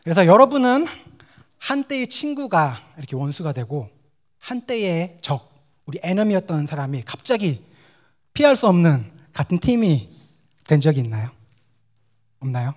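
A young man from Korea with a Gyeongsang accent, giving a lively, humorous sermon as a junior pastor and slipping into English phrases. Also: a little high, normal speed, pauses often. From South Korea. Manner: animated, mixes English phrases, acts out dialect quips.

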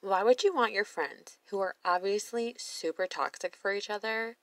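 A woman's voice: mid-range voice, moderate pace, fairly bright tone, no room sound, rough recording. A woman commenting on a reality show in a sassy, blunt voice-over, swearing freely. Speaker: reaction video host.

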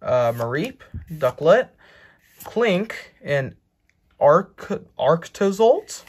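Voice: medium pitch, sing-song, extremely slow, husky. Rambling co-host full of fillers. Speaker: co-host of a card-opening channel. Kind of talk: casual chat while opening card packs.

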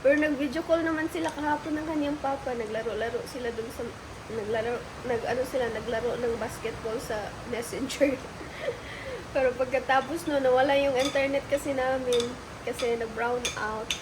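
A woman's voice: high-pitched, steady tone, normal speed, background noise. A woman vlogging casually at home, chatting to her viewers about the storm and her family. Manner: chatty, addresses viewers as guys. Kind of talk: casual family vlog chat.

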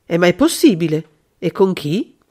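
A woman's voice: lowish voice, very animated, measured pace, dark tone. A woman voicing an agitated, impatient male king in an audiobook, speaking in urgent, eager questions. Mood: dismayed. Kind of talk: audiobook character reading.

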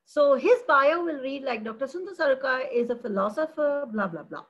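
Animated and expressive, a middle-aged philosophy professor from India speaks passionately in a conversational interview and frequently restarts her sentences. She has a high voice and a brisk pace, captured with lo-fi sound.

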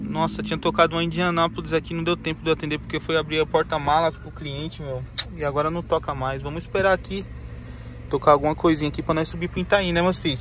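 A man, a rideshare driver talking casually to his viewers in a slangy vlog from his car in the city. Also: on the high side. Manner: slangy, calls viewers family and guys. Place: inside and around a car in the city. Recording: noisy car and street recording. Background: street and traffic noise.

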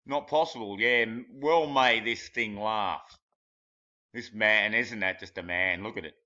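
In a dull, lo-fi home recording, a conspiracy video commentator ridicules pictures with rambling, crude, blunt remarks, laughing at his own jokes. He speaks a little slowly in a lowish voice with a sharp tone.

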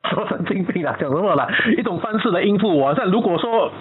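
A man's voice: sits high, expressive, quick pace. A man with a Malaysian accent rambling over the phone about his wife, often losing his thread and restarting. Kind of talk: casual phone chat. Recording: tinny phone line with crowd noise.

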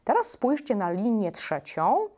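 Woman music teacher for kids, higher voice, very animated pitch, patient and slow. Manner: slow, patient instructions with short "e" pauses. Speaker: music workshop leader for children. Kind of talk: children's music lesson.

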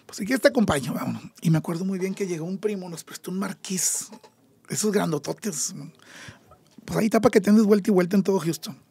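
A Mexican taco shop owner appears as a podcast guest in a storytelling interview, speaking fairly quickly in a high, gravelly voice. He tells his stories with animation, acting out the different voices.

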